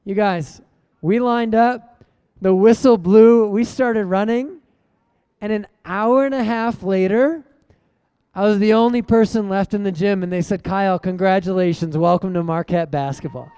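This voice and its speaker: High-voiced young man giving a keynote. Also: measured pace, clean tone, no echo. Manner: lively storyteller, quizzes the audience. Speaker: keynote speaker. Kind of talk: motivational keynote storytelling.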